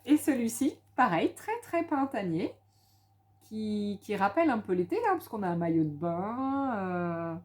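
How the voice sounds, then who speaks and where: A woman's voice: medium pitch, animated, measured pace, a little mellow. A woman from France chatting casually at home about craft supplies she bought, enthusiastic and full of little hesitations and repeats. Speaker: crafting vlogger. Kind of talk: casual haul and craft chat.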